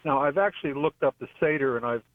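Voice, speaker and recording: A man calling in to a radio show over a buzzy, glitchy phone line that cuts out. He speaks haltingly, often losing his thread and starting over. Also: on the high side, no echo. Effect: buzzy, glitchy phone call audio that cuts out. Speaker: caller. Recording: tinny dry phone line.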